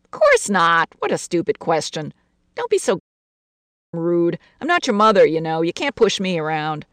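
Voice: mid-range voice, very animated, moderate pace, fairly bright tone, dry recording. A reader doing a blunt scolding aunt. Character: stern lonely middle-aged aunt.

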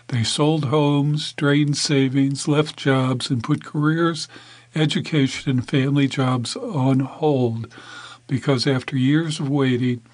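Man, news narrator, measured even reading, dry close sound, mid pitch. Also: dry recording.

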